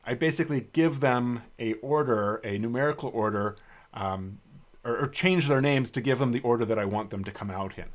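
A man's voice: medium pitch, fairly quick. A man giving a screencast coding tutorial, thinking aloud with frequent ums as he types code. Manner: relaxed, thinking aloud with many ums while typing code. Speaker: programming instructor.

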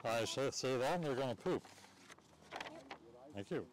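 At a cow pasture, a man announces a live outdoor contest, joking with the crowd and teasing the waiting audience. His mid-range delivery is unhurried, with lively intonation.

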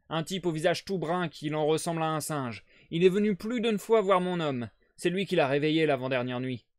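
A man voicing a vigorous, worried boatman's wife and mother, in a loud, high, pleading voice. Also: no echo, studio quality, lightly acted.

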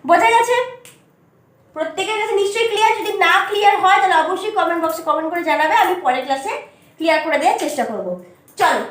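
A very high-pitched woman explains an exam-prep lesson one step at a time. She keeps stopping to check that her students follow. The voice comes from some distance in a strongly echoing room. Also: very fast, a bit bright. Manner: step-by-step, often checks understanding with "তাই তো?" and "ঠিক আছে?". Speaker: teacher. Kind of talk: online exam-prep class. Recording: echoey room from far off.

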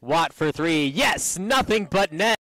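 Bright, excited male basketball commentator. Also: on the high side, takes it slowly, no echo, low-quality recording. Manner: energetic, excited calls on made shots. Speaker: play-by-play commentator.

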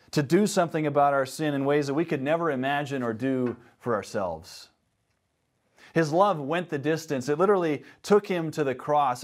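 A man in his thirties gives an earnest sermon at a lectern in a church. His voice sits at a middling pitch and rises sharply to stress key words. He reads scripture and prays in a hushed tone. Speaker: pastor. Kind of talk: sermon with scripture reading and prayer. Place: dark church stage, indoors.

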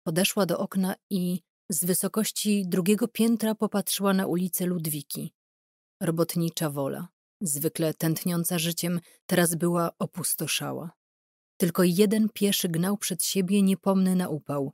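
A woman reading a wartime novel as an audiobook narrator, in a calm, measured, dramatic way. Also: on the low side, dry recording, studio quality.

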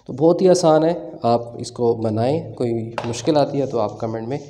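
Speaking at normal speed with a warm, medium-pitched voice, a male tech channel host with a Pakistani Urdu accent works at a table in a hands-on tutorial. He talks casually as he goes, describing his actions with frequent fillers. Slight background noise can be heard.

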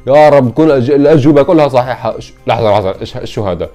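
Young male host, mid-range voice, chatty puzzle commentary with excited pitch jumps, soft music underneath. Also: racing. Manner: thinks aloud, spells out letters, pitch leaps when excited. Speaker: YouTube host. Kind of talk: casual puzzle-solving commentary.

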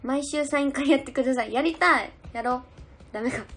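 A woman's voice: sits high, a little fast, fairly bright tone, breathy edge. A young woman idol chatting casually on a livestream, giggling as she reads out and answers viewer comments. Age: young adult.

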